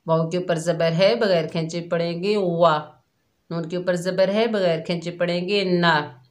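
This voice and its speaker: Woman tajweed teacher, slightly sore throat, low voice, unhurried and methodical delivery. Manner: calm, methodical explaining, drawn-out recitation of words. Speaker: Quran recitation teacher. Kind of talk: slow step-by-step tajweed lesson.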